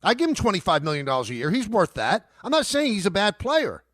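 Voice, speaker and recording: A man's voice: sits high, wildly swooping pitch, fast talker, fairly bright tone, dry recording, studio quality. A middle-aged man hosting a sports talk radio show, emphatic and argumentative, repeating his points.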